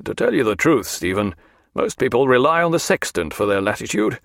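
A man acts out a hearty naval captain in a storybook reading. He is blunt, confident and good-humoured, with old-fashioned turns of phrase. His mid-pitched voice is highly animated and closely recorded. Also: a little fast, gravelly, no echo, clean studio sound. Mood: frank. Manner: jovial, bluff, old-fashioned speech.

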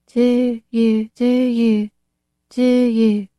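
A woman's voice: on the high side, level tone, warm tone, clear, resonant tone, voice pushed up. A woman doing a thick-voiced, simple young girl. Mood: fretful. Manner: echoing, halting babble.

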